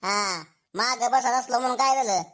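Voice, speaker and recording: A woman doing a cocky bragging schoolboy, high voice, twang, comedy sketch. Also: moderate pace, fairly bright tone, natural voice. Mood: boastful. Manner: swaggering, boastful, taunting. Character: cocky schoolboy bragging about his power.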